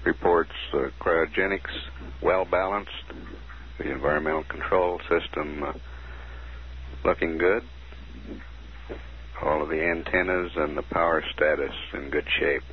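A mission control commentator with a very low, steady voice gives crisp, measured status reports, reading out one figure after another in formal announcements. His voice arrives over a muffled radio link, dull and lo-fi like an old archive broadcast, with a faint hiss underneath.

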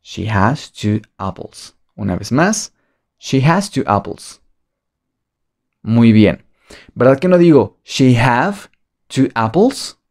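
Playful Mexican teacher, slow drills. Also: male voice, medium pitch, sing-song, a little mellow. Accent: Mexican Spanish. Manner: playful, jokey, drills with repetition. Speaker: English teacher. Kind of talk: online beginner English lesson.

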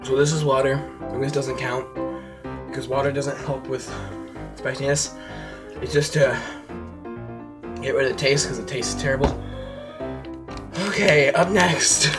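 A young man filming a hot sauce challenge vlog, talking casually to viewers and reacting loudly as his mouth burns. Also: mid-range voice, a little slow, pauses often, music in the background. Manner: excitable, talks to viewers, reacts loudly to heat. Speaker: vlogger.

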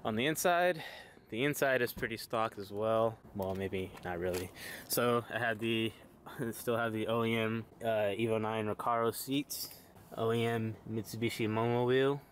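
A man's voice: lowish voice, moderate pace, slight background noise. A young man vlogging outdoors, talking casually through his car's parts with lots of fillers and the odd swear word. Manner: laid-back, many fillers, casual swearing. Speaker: car vlogger. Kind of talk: casual walkaround car review. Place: outdoors behind a shopping store.

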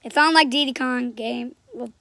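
A woman recording a rambling casual vlog from inside a closet, drifting between soft whispers and excited bursts. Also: sits high, normal speed, vocal fry, no room sound. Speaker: video creator.

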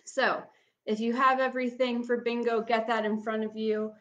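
A woman's voice: on the high side, flat delivery, normal speed, dull audio. A young adult woman hosting as a bingo caller, casually explaining and repeating items for an online audience in a room at home. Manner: bingo caller announcing and repeating each item, instructional. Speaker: bingo caller, camp game host. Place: small room at home, indoors.

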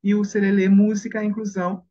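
Brazilian singer in her middle years, guest on a radio show, chatty and excitable, recording slightly muffled. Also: medium pitch, quick pace. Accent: Brazilian Portuguese. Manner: lively storyteller, tag questions, bursts of excitement. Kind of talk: radio interview storytelling.

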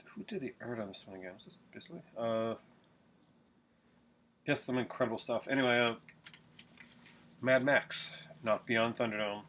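A middle-aged man with a mid-range, slightly bright voice unboxes a Blu-ray at his desk in a small home room, filmed on a webcam. He talks at a normal speed but pauses often, rambling casually with fillers and restarts, and the recording carries a little hiss or hum.

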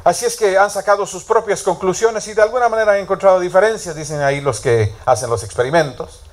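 A man's voice: sits high, fast. A man preaching a sermon in a storytelling way, often asking the congregation questions. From Latin America.

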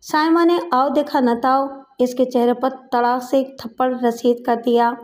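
A woman reading a crime story aloud in a steady, dramatic storytelling manner. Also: high-pitched, unhurried. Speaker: audiobook narrator. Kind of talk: scripted narration of a crime story.

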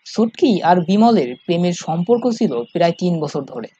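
A man's voice: sits high, expressive, a little fast, breathy edge. A man narrating a scripted first-person horror story in a suspenseful, dramatic manner. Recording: dull lo-fi sound, music behind. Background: loud music.

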